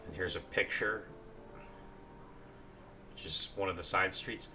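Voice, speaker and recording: A man's voice: deep voice, steady tone, unhurried, background noise. A man casually commenting on a video game as he plays, rambling with many fillers. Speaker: gameplay commentator. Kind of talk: let's play commentary.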